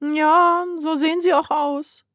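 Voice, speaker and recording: Storybook girl, a woman puts on the voice: small, anxious, eager, pitched up high, dry close recording. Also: level tone, slow pace, a bit bright, no room sound. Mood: excited. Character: excitable, anxious little girl.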